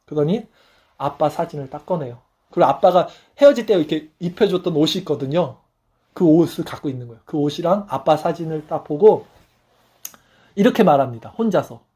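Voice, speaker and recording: A man in his thirties preaching a sermon, telling a story with feeling and dropping soft and low when he voices quoted prayers. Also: expressive, brisk, husky. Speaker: pastor.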